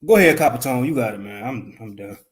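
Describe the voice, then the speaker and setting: A man's voice: medium pitch, expressive, quick pace, noisy background. A man hosting a heated livestream debate, arguing hard while his mic distorts his voice into a glitchy, robotic sound. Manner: argumentative, talks over others. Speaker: channel host.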